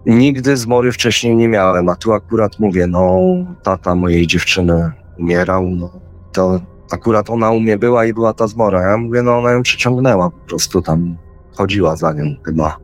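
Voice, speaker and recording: Male guest, low voice, rambling casual storyteller, faint music bed. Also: moderate pace. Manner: rambling, acts out his own quoted words. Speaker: guest telling a personal experience.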